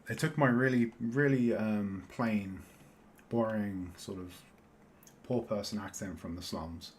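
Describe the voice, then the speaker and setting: This let's-play host, speaking with a South London accent, keeps up rambling, laugh-filled chat as he plays Minecraft. His voice sits on the low side and is unhurried, with a bit of background noise.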